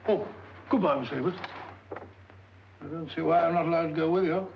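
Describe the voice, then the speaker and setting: Bluff older doctor, gravelly and fairly high-pitched, fussy and eager; muffled old film audio. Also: male voice, brisk, slight background noise. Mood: protesting. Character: loyal bluff older male doctor, good-natured. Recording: dull 1940s film soundtrack.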